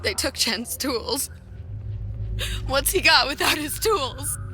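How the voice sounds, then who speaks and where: A distraught, dazed wife in a video game. She speaks high and slowly, muttering hesitantly and trailing off, with music behind her voice. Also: lively intonation, bright, forceful tone, full character voice. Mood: dazed, sorrowful. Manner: hesitant, broken-off sentences, muttering.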